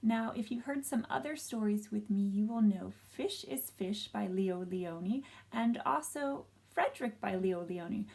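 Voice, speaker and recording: A woman reads a story aloud to young children, gentle and expressive, stopping now and then to ask them questions. Her voice is on the high side, with vocal fry.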